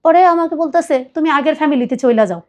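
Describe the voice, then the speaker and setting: Woman, high voice, earnest, pleading tone, personal confession. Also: quick pace. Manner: earnest, pleading, quotes others at length. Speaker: guest telling her life story.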